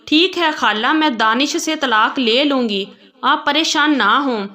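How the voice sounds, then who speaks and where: A woman's voice: a little high, pushed and bright. A woman voicing a tearful young wife. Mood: tearful pleading. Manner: pleading, tearful.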